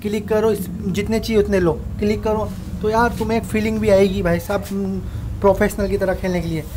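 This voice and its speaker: A man's voice: sits high, slight background noise. A young man casually narrating his own gameplay as host of a gaming channel, talking informally and directly to his viewers like friends. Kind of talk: casual Minecraft tutorial voice-over.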